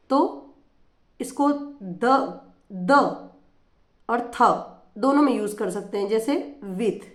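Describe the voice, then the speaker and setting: A woman's voice: fairly high pitch, roomy sound. A woman teacher explaining phonics in a patient lesson, repeating examples as she goes.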